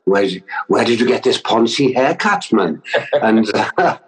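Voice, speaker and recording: A man, a fashion stylist from London, talks about his upbringing as a podcast guest, relaxed, laughing often and stumbling over restarts. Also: mid-range voice, moderate pace, slight background noise, low-quality recording. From London, with schooling in Wales. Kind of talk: casual interview chat.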